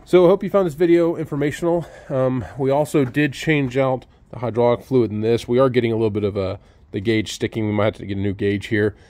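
Quick-paced and mid-range in pitch, a man talks through fixing his sawmill in an easygoing how-to. He's outdoors under an open shed, recorded on a handheld camera by the machine, laying out each step with plenty of fillers.

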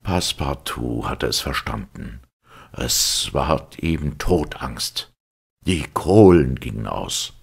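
Very deep, gravelly male audiobook reader. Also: animated, slow. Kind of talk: scripted audiobook narration.

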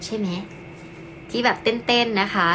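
A woman's voice: mid-range voice, fairly even intonation, measured pace, bright, forceful tone, a little hiss or hum, low-quality recording. A young woman from Thailand chatting casually on a phone live stream, thanking viewers and cooing affectionately over her cats.

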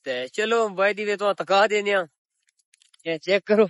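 Speaking at a measured pace into a phone held at arm's length, this young Punjabi village vlogger from Pakistan addresses his viewers in a chatty casual selfie vlog. His fairly high, fairly bright voice comes through with dry, close phone sound, and his throat is still recovering from soreness. He's outdoors in open countryside under cloudy, windy skies.

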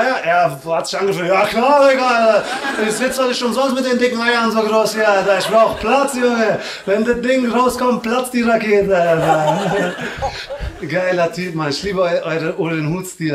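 Slangy stand-up comic, high voice. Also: male voice, moderate pace, a crowd in the background. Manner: slangy and teasing, drops "Alter" and "Digga" constantly. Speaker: stand-up comedian. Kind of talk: live stand-up crowd work. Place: comedy club stage before a live audience. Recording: echoey club room with loud hiss and clicks.

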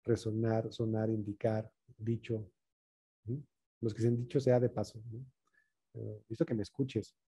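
A man gives a relaxed workshop talk on communication. His voice is very dark and mellow, with a husky edge. He often checks in with his listeners through quick tag questions. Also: lowish voice.

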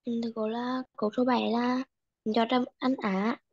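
A woman's voice: on the high side, flat delivery, normal speed, vocal fry, lo-fi sound. A female student answering her teacher's questions in short, hesitant replies.

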